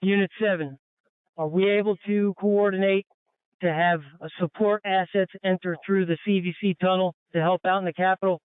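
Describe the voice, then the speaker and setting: A man calls in from the field over a police radio, his voice pitched high and his words coming through clean. The police radio transmission makes him sound thin and tinny. His requests are urgent. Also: steady tone, moderate pace, smooth, dry recording. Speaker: police officer. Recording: tinny band-limited radio, dry.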